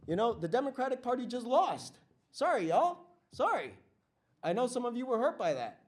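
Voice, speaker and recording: A man's voice: very high-pitched, big pitch swings, normal speed. A man giving a passionate workshop presentation to a live audience in a meeting room. He speaks with fire and asks question after question, repeating lines for emphasis.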